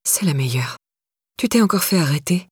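A stern laundry boss at the end of her patience, as a woman reads her, curt and scolding. The voice sits close and dry, with a slightly breathy edge. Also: on the low side, expressive, normal speed, no room sound. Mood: exasperated.

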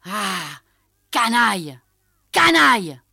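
A woman's voice: fairly high pitch, slow, a little mellow, no echo, clean studio sound, pitched above the performer's own voice. A woman voicing a middle-aged male tax collector who stammers in panic and shrieks in rage. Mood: furious.

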